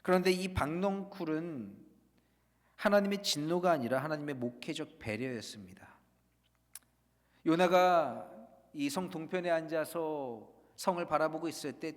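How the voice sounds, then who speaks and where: A man preaching a sermon as pastor, swinging from loud urging to hushed, almost whispered passages. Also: a little high. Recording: long reverb of a large hall.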